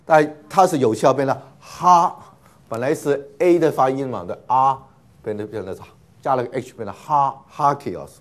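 A man teaching a classroom lesson, speaking in with mixed in. He talks patiently, fills pauses with drawn-out "ah" sounds, and repeats each word for his students. His voice sits at an ordinary pitch. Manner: patient, many filler 'ah' sounds, repeats words for students. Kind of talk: classroom lecture.

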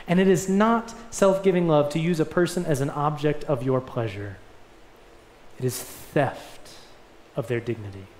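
Earnest young male pastor, high voice. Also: darkish tone. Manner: earnest, gesturing preacher with rising emphatic swells. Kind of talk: sermon. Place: church sanctuary. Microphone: lectern mic. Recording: echoey church room.

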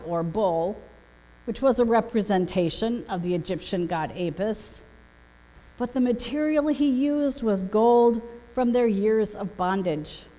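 A middle-aged woman pastor, her voice a little high and a little mellow, preaches a prepared sermon full of storytelling from a church pulpit. Long reverb fills the echoing hall, captured through a gooseneck pulpit microphone.

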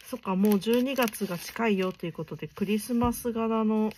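A young woman talks her way through an unboxing at a hushed, late-night volume. She gushes softly over each item, her mid-range voice slipping into near whispers now and then. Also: medium pitch, normal speed, a little hiss or hum. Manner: soft-spoken, chatty, keeps voice down late at night; gushing, often murmurs in near whispers. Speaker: stationery unboxing vlogger. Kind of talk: casual unboxing chat.

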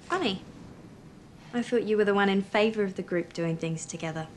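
A practical woman who runs the house and keeps teens on track, played by an actress. She talks plainly, kind yet firm, at a middle pitch. A faint hum of background noise sits under her voice. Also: fairly quick, natural voice. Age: adult. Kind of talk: TV teen drama acting.

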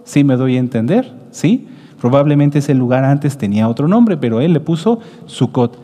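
A man preaching to his congregation in a mellow, unhurried voice, walking his listeners through each point and checking in with a quick rising "¿sí?". His words ring out with the long reverb of a congregation hall. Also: mid-range voice, animated. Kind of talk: sermon. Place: congregation hall with a booth of branches.

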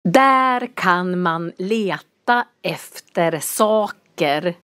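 Slow, precise woman teaching vocabulary. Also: on the low side, animated, fairly bright tone, smooth, no room sound, studio quality. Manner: pronounces each word form slowly and distinctly for learners. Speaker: language teacher. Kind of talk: slow, clearly articulated vocabulary lesson.

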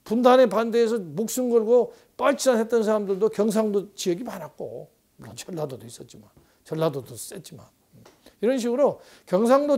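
A man's voice: high voice, darkish tone. A man in his sixties, a professor, giving a rambling conversational lecture on politics with frequent rhetorical asides.

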